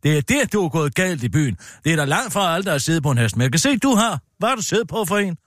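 Guy doing a bossy horse-obsessed lady, high and all over the place, dry close sound. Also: very animated, no echo. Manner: bossy, lecturing, swooping pitch. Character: pompous know-it-all horsey middle-aged woman. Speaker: co-host. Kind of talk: improvised comedy podcast banter.

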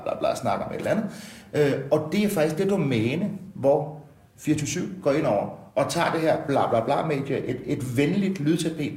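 A man's voice: medium pitch, a little mellow, natural voice. A man playing a rambling, self-satisfied talk-radio host who trips over his own words. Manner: rambling with many restarts. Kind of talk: satirical talk-radio banter. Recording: roomy studio echo.

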